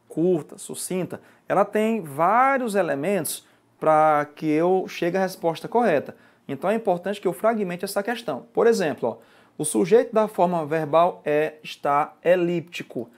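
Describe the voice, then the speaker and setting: A Brazilian-accented male teacher walks through grammar rules for an exam-prep class. His voice sits on the higher side for a man, and he keeps checking that the viewer follows. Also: moderate pace. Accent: Brazilian Portuguese. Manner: explanatory, often checking in with "certo?" and "ok?". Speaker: Portuguese language teacher.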